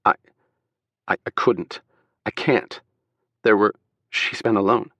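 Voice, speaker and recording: A man voicing a shaken young husband and father who speaks brusquely and haltingly, in an audiobook. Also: fairly low pitch, steady tone, bright, forceful tone, no room sound, exaggerated voice. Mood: stunned.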